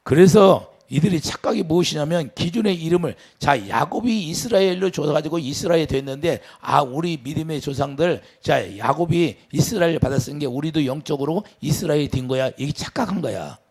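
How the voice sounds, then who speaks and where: A man preaching a sermon as pastor, asking the congregation questions and swinging from loud to quiet. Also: a little high, fairly quick, hardly any pauses. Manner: preaching with sudden rises and drops, asks the congregation questions.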